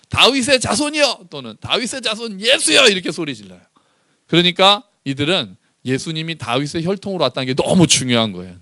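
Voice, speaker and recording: A male pastor giving a sermon, asking his congregation questions and slowing down to read scripture aloud together with them. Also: on the high side, pushed and bright, dry recording.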